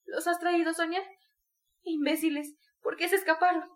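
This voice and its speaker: A woman's voice: very high-pitched, level tone, moderate pace, pitched above the performer's own voice. A woman voicing a feverish dying mother. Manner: feverish, breaking between pleading and rage. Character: dying delirious mother, feverish, proud, desperate.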